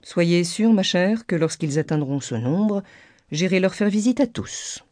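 A woman reading an audiobook, voicing a dry, sarcastic middle-aged husband who teases calmly and ironically. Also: lowish voice, measured pace, dry recording. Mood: teasing. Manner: calm, teasing, ironic.

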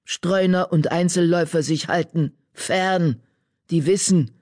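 A man voicing a wise old female badger seer who speaks slowly in broken, oddly ordered sentences. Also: on the high side, no echo, clean studio sound, lightly acted. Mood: calm. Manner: slow, broken word order, calm.

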